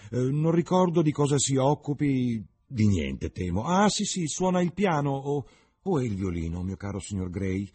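A man's voice: medium pitch, very animated, moderate pace, mellow, slightly rough, pitched above the performer's own voice. A man reading an earnest, reproachful young painter.

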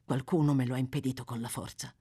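A woman voicing a frightened young woman of the streets, speaking in an urgent, bitter hush. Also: a bass voice, steady tone, fast talker, breathy edge, voice pushed down, full character voice. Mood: tense.

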